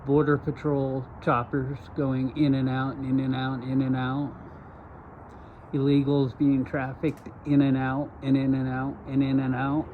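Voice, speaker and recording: A man's voice: mid-range voice, completely flat delivery, a little slow. A man from Arizona talking in an urgent, repetitive, emphatic way for his vlog, recorded outdoors by a road. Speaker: vlogger. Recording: lo-fi with loud outdoor noise.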